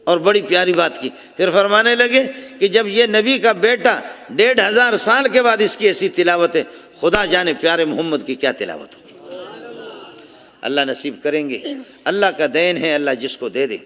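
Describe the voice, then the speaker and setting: A man preaching a sermon at a conference, telling stories with passion, sometimes soft, sometimes raised for emphasis. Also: high-pitched. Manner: storytelling, impassioned, shifting between soft asides and raised emphasis. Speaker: religious speaker. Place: large conference hall. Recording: long hall reverb.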